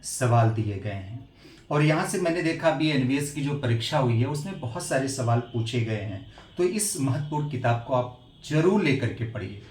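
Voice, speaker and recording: A male teacher giving an earnest exam-prep lesson, repeating his points and pausing with hesitation fillers. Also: mid-range voice, roomy sound.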